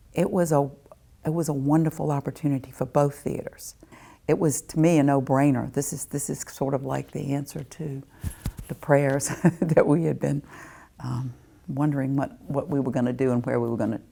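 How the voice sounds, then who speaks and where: A woman's voice: low voice, gravelly, dark tone. A woman in an interview, speaking in a heartfelt, reflective way. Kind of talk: documentary interview.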